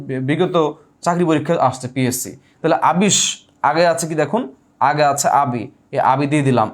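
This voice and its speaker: Male tutor, slightly high voice, drills points by repetition and call-and-response questions. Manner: repeats key points and quizzes listeners with quick questions. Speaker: teacher. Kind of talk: online exam-prep grammar lesson.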